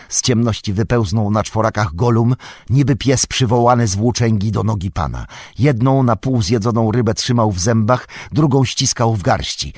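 A man narrating an audiobook in a measured, unhurried storytelling manner. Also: on the low side, darkish tone, breathy edge, no echo, clean studio sound. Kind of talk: scripted narration.

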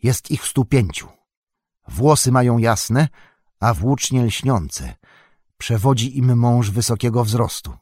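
A man with a husky voice reading the part of a calm, keen-eyed male elf in an audiobook, quiet and matter-of-fact. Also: medium pitch, slow pace, no room sound, studio quality.

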